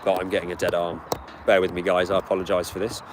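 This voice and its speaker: A man's voice: low-pitched, flat delivery, fast talker. Chatty young British man, outdoors. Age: 20s. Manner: chatty, answers viewer questions. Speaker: channel host. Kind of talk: casual live-stream Q&A. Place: outdoors beside his car. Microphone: camera on a tripod. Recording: outdoor street and engine noise. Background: car engine and outdoor ambience.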